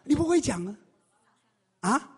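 A man's voice: extremely high pitch, sing-song, slightly rough. A man preaching a sermon, telling a story with animation and firing questions at his congregation. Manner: quizzes the congregation with rapid questions. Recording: long hall reverb.

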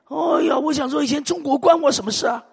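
A middle-aged man from Taiwan, preaching a sermon with lively storytelling and frequent hallelujahs and amens. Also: extremely high pitch, fast talker, creaky, in a large hall.

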